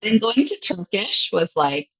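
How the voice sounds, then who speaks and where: A Michigan woman in her thirties who teaches English appears as a guest in a casual conversation, chatting and laughing a lot. Her medium-pitched voice is a bit bright with a breathy edge, swings widely in pitch, and moves at a measured pace. The recording is muffled, with no echo.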